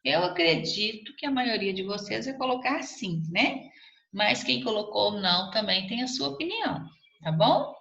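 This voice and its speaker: A woman's voice: medium pitch, very animated, moderate pace, gravelly, fairly bright tone. A woman teacher, patiently walking students through a recorded lesson and checking in with them often. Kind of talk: recorded remote class lesson. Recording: echoey room, slightly dull lo-fi audio.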